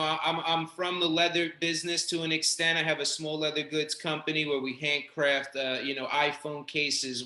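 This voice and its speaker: Bright-voiced podcast host in an echoey room. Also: male voice, a little high. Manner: effusive, slangy praise. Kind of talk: casual interview.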